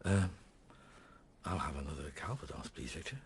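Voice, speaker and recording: An actor playing a middle-aged French police inspector in a radio drama, courteous and musing, hesitant, trailing off in broken phrases. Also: male voice, a bass voice, lively intonation, normal speed, gravelly, breathy edge, exaggerated voice. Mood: musing, quiet.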